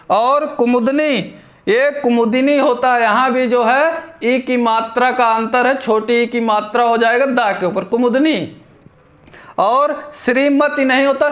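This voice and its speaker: A man teaching a spelling lesson for exam prep. He asks quiz questions, answers them himself, and repeats each word deliberately. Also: very high voice, a bit bright. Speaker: Hindi grammar teacher.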